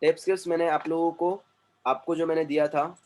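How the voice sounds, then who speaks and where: A man's voice: on the high side, fairly even intonation, fast, a little mellow, slight background noise. A man teaching an online English class, mixing Hindi and English, stern and repetitive.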